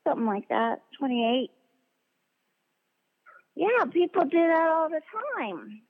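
A woman voice actress being interviewed, telling stories in a chatty, animated way and acting out the dialogue she quotes. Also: high-pitched, takes it slowly, gravelly. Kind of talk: casual interview anecdotes. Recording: tinny phone-line sound in a long reverb.

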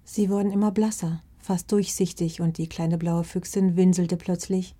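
Gentle woman reading a children's story. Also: lowish voice, little pitch movement, normal speed. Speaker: author and narrator.

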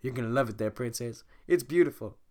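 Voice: medium pitch, fast, a little mellow, lightly acted. A sick-sounding reader voicing a cheerful, chatty talking donkey. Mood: cheery. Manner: upbeat and chatty. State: sick, hoarse throat.

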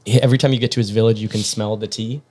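A man's voice: lowish voice, steady tone, rapid-fire, a little mellow, breathy edge. A man telling long, rambling stories in a casual podcast chat, full of fillers and restarts.

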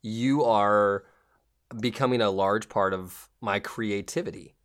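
A man hosting a casual comedy podcast, playful and quick to laugh. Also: on the low side, fairly bright tone. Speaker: podcast host.

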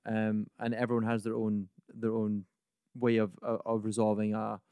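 A man's voice: on the low side, monotone, moderate pace, dark tone, clean tone, dry recording. A man co-hosting a casual podcast, rambling through stories with lots of ums and likes. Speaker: podcast co-host.

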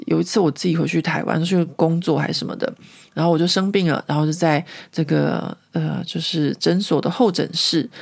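A woman from Taiwan with a Taiwanese Mandarin accent, telling a casual story as a podcast host in a chatty, lively way that often breaks into laughter. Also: deep voice, vocal fry.

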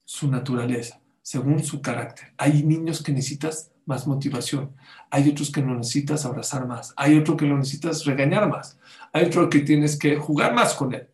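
A man's voice: a little high, moderate pace, a little mellow, reverberant. A man giving a sermon-style talk as a religious teacher, putting rhetorical questions to his audience and quoting Hebrew sources.

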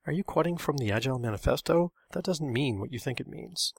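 A man voicing a quiet, dry-witted male programmer. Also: medium pitch, expressive, fast, gravelly, breathy edge, dry recording, voice pushed up. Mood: wry. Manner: quiet, wry.

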